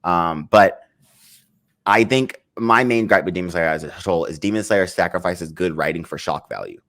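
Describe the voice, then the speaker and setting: A man's voice: sits low, animated, normal speed, fairly bright tone. A man co-hosting a casual podcast, rambling and swearing as he picks apart a story, restarting his sentences. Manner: rambling, restarts often, swears, laughs in frustration. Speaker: podcast co-host. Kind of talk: casual chat.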